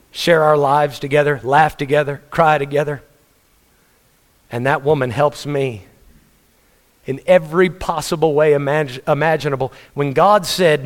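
A man preaching a sermon, telling stories and putting questions to the congregation. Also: a little high. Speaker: pastor. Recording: reverberant church hall.

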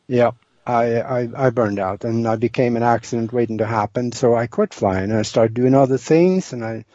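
An older Norwegian man with a Norwegian accent rambles through his life story as an interview guest, filling his speech with ums and uhs. His voice is medium-pitched and dark, at a moderate pace. The recording is dry, with a dull lo-fi sound.

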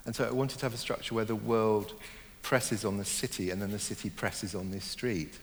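A middle-aged man talks through his ideas in an interview, slowly and reflectively, often pausing and restarting his sentences. His voice sits fairly low. The room has a long reverb and a faint hum in the background. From born in Germany, raised in Hong Kong. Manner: thoughtful, hesitant, many fillers and restarts. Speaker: novelist, interview guest.

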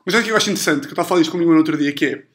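A man's voice: a little high, rapid-fire, fairly bright tone. A man hosting a podcast in a home with casual, joking talk. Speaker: podcast host. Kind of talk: casual comedic chat. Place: indoors in a home. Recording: roomy, echoey home recording.

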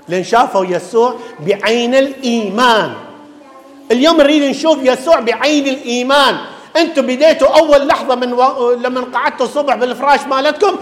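A man with an Iraqi Arabic accent, a priest giving an animated sermon full of rhetorical questions, voicing the people in the gospel stories. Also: extremely high pitch. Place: large church. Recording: echoey church hall.

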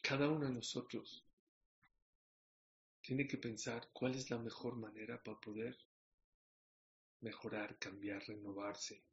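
A man's voice: lowish voice, level tone, a little slow, long pauses, lo-fi sound. A man preaching a sermon, telling a parable and asking his listeners questions. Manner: storytelling with questions to the audience.

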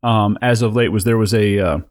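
A man's voice: fairly low pitch, fairly even intonation, a little fast. Rambling, joking male podcast host. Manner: rambling, laughing, acts out quotes. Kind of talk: casual banter.

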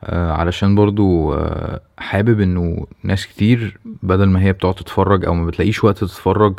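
A man with an Egyptian Arabic accent and a deep, gravelly voice that stays flat. He speaks quickly, as a host casually addressing listeners on his own. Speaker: podcast host. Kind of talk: casual solo announcement to listeners.

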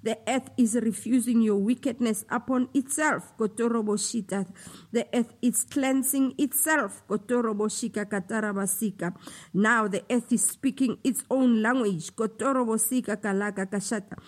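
A woman delivering a slow, solemn prophetic utterance, with passages of speaking in tongues between declamatory lines. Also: fairly high pitch, steady tone. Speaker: prophetic preacher.

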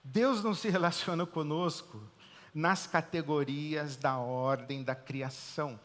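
A man with a Brazilian Portuguese accent preaching a sermon as pastor, swinging between loud emphatic declarations and quiet, hushed pauses. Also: fairly high pitch, steady tone, big-room sound.

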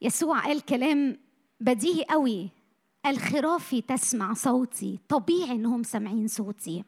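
A woman preaching a sermon to young people, passionate, moving from loud bursts to hushed lines, her voice a little tired. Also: fairly high pitch, normal speed. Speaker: missionary speaker. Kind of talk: sermon to a youth meeting.

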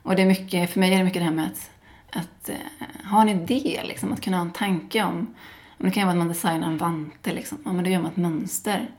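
A woman's voice: on the low side, fairly even intonation, a little mellow. A woman from Sweden, a guest in a casual interview, talking at length with many fillers and restarts.

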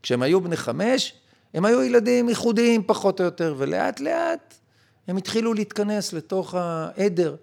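A man's voice: high voice, big pitch swings, vocal fry, a little mellow. A male podcast guest explaining his ideas in an emphatic, lecturing way. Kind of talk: conversational explanation.

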